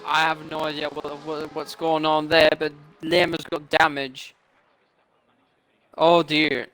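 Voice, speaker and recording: A man's voice: fairly high pitch, flat delivery, takes it slowly, a bit bright. Analytical male race co-commentator. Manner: puzzled, analytical, checks replays. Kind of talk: live sim racing commentary.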